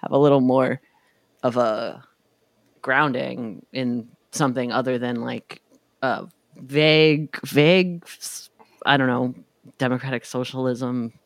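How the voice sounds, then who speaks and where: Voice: mid-range voice, fairly even intonation, slow, no echo. A podcast co-host talking through politics in a loose, meandering way. Sentences trail off and restart, and fillers pile up between ideas. The sound is dry and close, with no room to it. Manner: meandering, hedging, many fillers, often laughs. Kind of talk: casual political chat.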